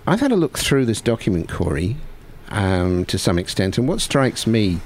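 A man co-hosting a live radio panel chat, measured and wry as he steers the discussion. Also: fairly low pitch, big pitch swings. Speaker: radio co-host.

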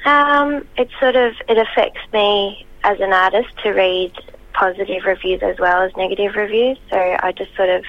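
A woman's voice: medium pitch, steady tone, moderate pace, dry recording. Singer lady on the phone, lots of ums, kinda hesitant, muffled dry line. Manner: hesitant, many ums and restarts. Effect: heard over the phone. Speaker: touring singer, guest. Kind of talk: casual phone interview.

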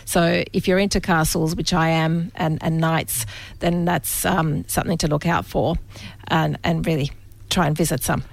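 A woman guest in a casual podcast chat, talking haltingly with many ums and restarts. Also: deep voice, steady tone, gravelly.

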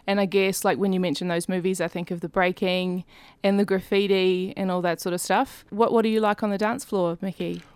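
Woman, show host, smooth clear voice, casual interviewing style, dry studio sound. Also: mid-range voice, steady tone, fairly quick, darkish tone, no room sound.

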